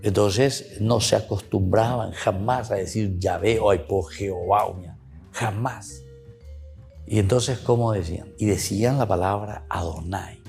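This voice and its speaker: A male priest teaches the Bible in a low, gravelly voice. He addresses his listeners as friends and repeats key words to drive points home. Faint music plays behind him. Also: a little slow, a little mellow.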